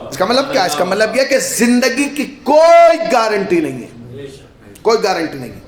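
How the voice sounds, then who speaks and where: A man from India preaching a memorial sermon in a mosque, telling stories dramatically, asking rhetorical questions and rising to emphatic shouts. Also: high voice, big pitch swings, crowd noise. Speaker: maulana preaching at a memorial majlis. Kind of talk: Urdu majlis sermon. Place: mosque hall. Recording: echoey mosque hall.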